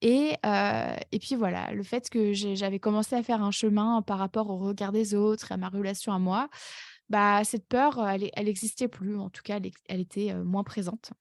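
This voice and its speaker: A woman podcast host and life coach talking casually about her own life, full of fillers and quick self-corrections. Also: mid-range voice, fairly even intonation, dry recording, studio quality. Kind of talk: casual personal podcast monologue.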